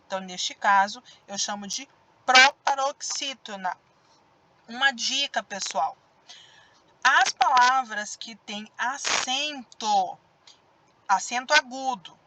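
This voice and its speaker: A woman's voice: fairly high pitch, bright, forceful tone, slight background noise, poor audio. A woman teacher with a Brazilian Portuguese accent giving a recorded grammar lesson for children, drawing out stressed syllables as she demonstrates words.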